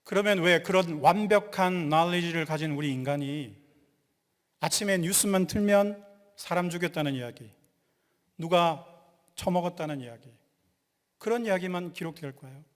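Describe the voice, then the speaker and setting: A male pastor giving a lively sermon, quizzing the congregation and joking with them. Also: fairly high pitch, moderate pace, pauses often. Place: church sanctuary. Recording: long hall reverb.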